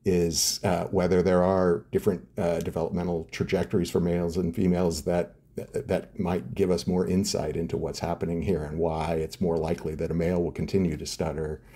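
Speaking low and fairly quickly with a flat delivery, a middle-aged man answers interview questions as a neuroscientist guest. His voice is mellow and slightly rough, and he works through explanations step by step, often hesitating, using fillers and starting over.

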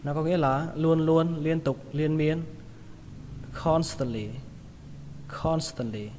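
A man's voice: on the high side, fairly even intonation, darkish tone, long reverb tail, a little hiss or hum. Man teaching English words with a Vietnamese accent. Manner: repeats each word slowly several times. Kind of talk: pronunciation lesson.

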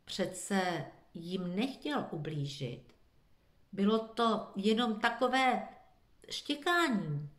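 A woman teacher reading a children's storybook aloud with expressive, lively narration, in an echoey room. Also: medium pitch.

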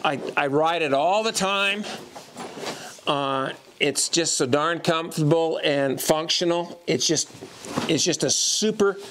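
Folksy cowboy guy in his 50s, slightly high voice, stumbles over his first words, lapel mic in a tack room. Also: a bit bright, a little hiss or hum. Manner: folksy, repeats words when starting sentences. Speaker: horseman and teacher. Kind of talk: casual show-and-tell.

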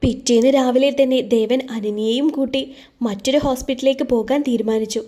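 A woman narrating a scripted audio drama story in calm, measured storytelling. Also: a little high.

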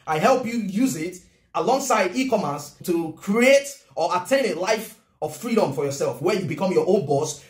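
A man in his thirties with a Nigerian accent, talking casually and earnestly to camera from his home kitchen. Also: high voice. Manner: animated, gestures a lot, earnest. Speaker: vlogger and business coach. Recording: roomy room echo.

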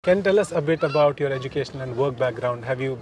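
A man's voice: mid-range voice, fast, darkish tone, slight background noise. A man in his thirties hosting a street interview in a park, asking friendly, conversational questions. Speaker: host, interviewer. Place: outdoors in a large open park.

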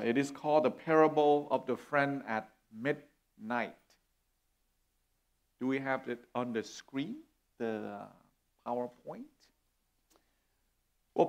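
A middle-aged man from Vietnam, preaching an earnest sermon as a guest speaker on a church stage. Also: medium pitch. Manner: earnest, warm, gesturing as he preaches.

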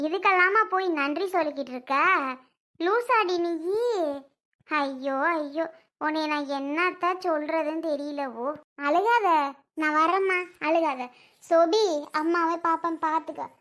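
A woman playing a stern but caring aunt, very high voice. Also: measured pace, pauses often, a bit bright. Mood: comforting. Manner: scolding, comforting, in colloquial speech. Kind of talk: village family drama skit.

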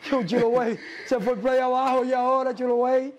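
A man's voice: very high-pitched, brisk, a crowd in the background. A man, an interview guest telling a long story and acting out the voices of the people in it. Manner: animated storyteller, acts out quoted voices.

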